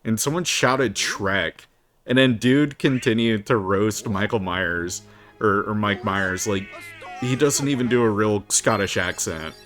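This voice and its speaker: A man's voice: lowish voice, unhurried, a bit bright. A man giving casual, jokey commentary while playing a video game, laughing often, with game music behind. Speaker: game streamer. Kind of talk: casual let's-play commentary.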